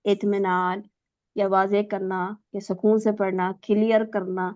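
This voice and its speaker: A woman's voice: medium pitch, level tone, a little mellow, no echo, muffled recording. A woman teaching Quran recitation in an online class, asking her students questions, praising their answers and sounding out letters for them. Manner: demonstrates letter sounds aloud.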